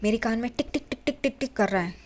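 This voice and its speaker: A woman's voice: on the high side, fast, lightly acted. A woman voicing a cheeky young man who fancies himself an amateur detective, teasing and joking as he talks.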